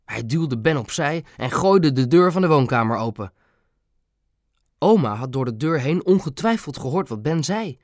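A man narrating a children's storybook in an expressive, animated storytelling manner. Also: fairly high pitch, moderate pace, dry recording. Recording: dry close recording.

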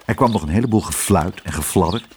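A man narrating a children's story, reading in an expressive, animated way. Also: low-pitched, quick pace, slight background noise.

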